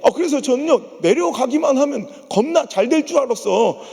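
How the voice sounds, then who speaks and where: A Chungcheong-region pastor in Korea preaches a revival sermon in a large church sanctuary, his very high voice creaky and husky at a normal pace. He tells jokey, animated stories and impersonates the people in them, with a big-room sound.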